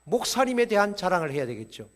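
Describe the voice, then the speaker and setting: A man giving a playful, animated sermon-style lecture to a church audience. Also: high voice, quick pace.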